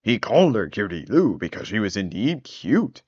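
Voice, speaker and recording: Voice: low voice, very animated, moderate pace, a little mellow, slightly rough, no room sound. A storyteller giving a theatrical, wry comic narration of a fairy tale on a dull lo-fi recording.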